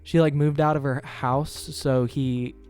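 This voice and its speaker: A man's voice: on the high side, fairly even intonation, unhurried, a little mellow, clear, resonant tone. A young man co-hosting a podcast, talking casually and speculating hesitantly about a film's plot, with plenty of restarts. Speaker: podcast co-host. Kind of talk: casual chat. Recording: faint music under the voices. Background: faint background music.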